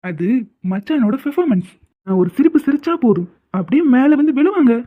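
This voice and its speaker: A woman's voice: high-pitched, sing-song, a little fast, slightly rough, heavily acted. A woman voicing a boastful young male college student who brags about his charm in a cartoon. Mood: cocky. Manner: cocky, boastful, teasing. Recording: tinny phone-like lo-fi sound.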